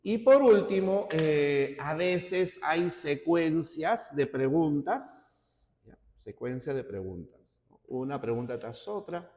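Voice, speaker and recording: A man teaching a class, slow and deliberate, often checking in with his students. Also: on the high side, lively intonation, darkish tone. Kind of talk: classroom lecture. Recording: roomy hall with long reverb.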